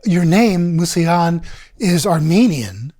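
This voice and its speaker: A man's voice: fairly high pitch, expressive, slow, mellow. Middle-aged male podcast host. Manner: friendly, with brief acknowledgments and restarts. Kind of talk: interview. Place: small studio set, seated indoors.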